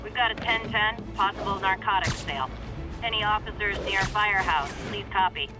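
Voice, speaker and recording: A man's voice: sits high, moderate pace, over music, poor audio. A man voicing a police dispatcher, making clipped, official calls to units over a police radio. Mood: businesslike. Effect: heard over a police radio.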